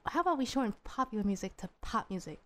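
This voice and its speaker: A woman's voice: on the high side, sing-song, fast. A woman voicing an old-fashioned male music industry man, folksy and drawling. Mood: scheming.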